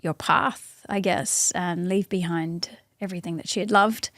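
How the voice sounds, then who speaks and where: An Australian woman appears as an interview guest, talking thoughtfully in a casual conversation full of pauses and restarts. Her voice is on the low side, steady and a bit bright, recorded in studio quality with no echo.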